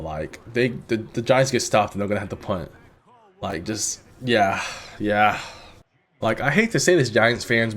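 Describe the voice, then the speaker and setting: Young dude chilling and commentating a football sim, rambly, cusses, gets hyped out of nowhere. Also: male voice, medium pitch. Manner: laid-back and rambling, swearing, with sudden excited jumps. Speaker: gaming commentator. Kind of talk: casual game commentary.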